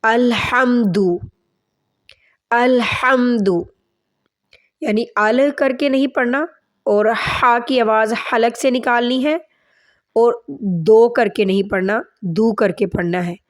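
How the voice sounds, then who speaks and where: A woman teaching a tajweed lesson, patiently correcting mistakes step by step and reciting in a slow, drawn-out chant. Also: a little high. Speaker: Quran teacher.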